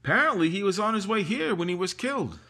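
Playing a patient small-town sheriff in a 1950s-style radio mystery, a male actor questions a witness with suspicion, drawling and hesitating with "uh" and "mm." His voice is high yet husky, expressive and sharp, delivered quickly and heavily acted.

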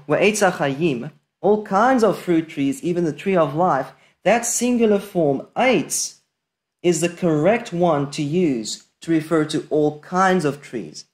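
Slow, low-voiced woman teaching scripture. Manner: reads Hebrew aloud and translates, explaining word by word; calm, deliberate and explanatory. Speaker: Bible teacher. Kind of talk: screen-share scripture lesson.

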